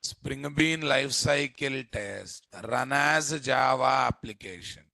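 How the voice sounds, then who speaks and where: During a live coding lecture, an Indian-accented man teaches programming and keeps firing questions at his audience. His medium-pitched voice is gravelly, pushed and bright, delivered slowly, with no room sound.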